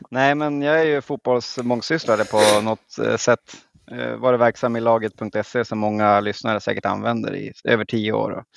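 Gravelly man, dry self-mocking guest. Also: medium pitch, no room sound. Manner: dry self-deprecating humor. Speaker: podcast guest. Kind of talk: casual chat. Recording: slightly dull dry sound.

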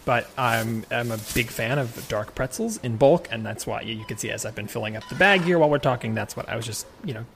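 A man's voice: medium pitch, animated, brisk, vocal fry, few pauses, a bit bright, soft background music. A man playing an awkward, defensive would-be children's actor who rambles and over-explains in an improvised comedy scene. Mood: flustered.

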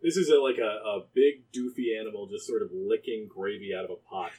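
A man's voice: lowish voice, a little fast, dark tone, low-quality recording. A man narrating as game master of a tabletop game, loose and amused, with many fillers.

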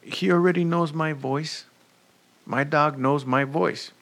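A man preaching a bilingual sermon as a pastor, talking slowly and deliberately, moving between two languages and repeating each point. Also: on the high side, fairly even intonation, fairly bright tone. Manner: switches between Spanish and English, repeating points; slow, deliberate preaching with restarts. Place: United States.

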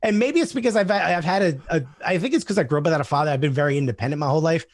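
A male comedian talking as a podcast guest, telling animated stories, swearing freely and acting out quoted voices. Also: fairly high pitch, rapid-fire. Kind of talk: casual chat.

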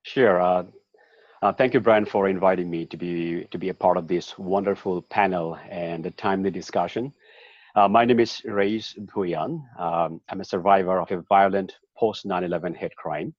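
A man from Bangladesh introducing himself on a panel in a measured, deliberate way. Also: low voice, fairly even intonation, no room sound. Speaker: panelist, activist. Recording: dull lo-fi sound.

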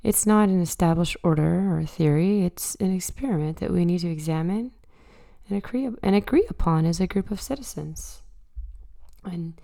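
Raspy woman with a gravelly voice. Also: on the low side, normal speed, warm tone. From Canada. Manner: thoughtful, many fillers. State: hoarse from a cold. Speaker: podcast host. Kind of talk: casual spoken monologue.

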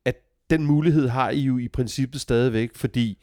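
A man in casual podcast chat, speaking low-key and making dry jokes. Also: warm tone, no echo. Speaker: podcast co-host.

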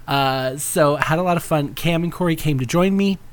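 A man's voice: a little high, normal speed. Campy man hosting a casual podcast. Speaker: podcast host.

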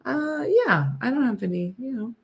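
A woman hosting a casual livestream, chatting with viewers in a listless, low-energy, dry deadpan way. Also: normal speed, gravelly. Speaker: host of a morning livestream show.

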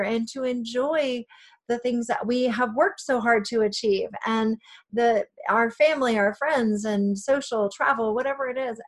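Lively woman podcast host, slightly high voice. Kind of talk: podcast interview.

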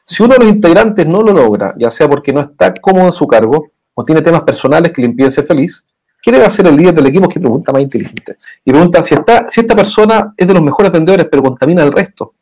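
A man's voice: on the high side, expressive, fast, a little mellow. A man with a Chilean accent hosting an interview podcast, agreeing often and joking. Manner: frequent short agreements, jokey. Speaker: podcast host. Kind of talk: interview host chat.

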